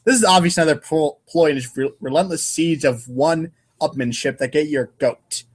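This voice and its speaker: A podcast co-host reads comic narration aloud, sounding casual and irreverent and stumbling over lines now and then. His voice sits on the high side, at a moderate pace, with a breathy edge.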